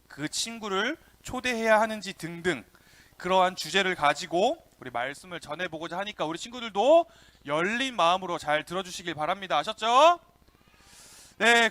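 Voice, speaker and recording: Lively high-voiced young man preaching to kids. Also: dry recording. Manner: lively, calls out to kids and asks questions. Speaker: youth pastor. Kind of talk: children's sermon.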